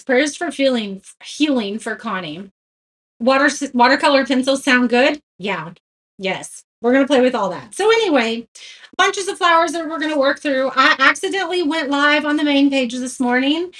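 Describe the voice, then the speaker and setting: A high-voiced woman hosts a casual live craft tutorial. She talks in a friendly, rambling way and laughs at her own slips. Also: fairly bright tone. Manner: chatty, greets viewers by name, self-deprecating.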